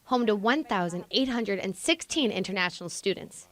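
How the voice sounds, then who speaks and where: A woman's voice: mid-range voice, expressive, moderate pace, a bit bright, slight background noise. A young woman reporting a student news story in scripted narration, with an upbeat, punny delivery.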